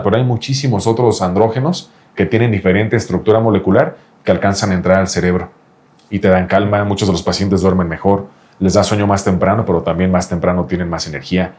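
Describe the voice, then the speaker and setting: In this explanatory interview, a male doctor in reproductive andrology insists on his points with a patient and often repeats the patient's name. His voice is deep, with a darkish tone.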